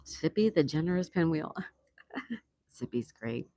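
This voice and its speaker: An older woman chats her way through a livestream, reading comments from viewers and laughing along. Her voice is warm and mellow, recorded close and dry with no room around it. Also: deep voice, very animated, unhurried, no echo. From South Florida, USA. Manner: chatty, reads comments aloud, laughs often. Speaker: livestream host reading chat. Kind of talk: casual live-stream chat.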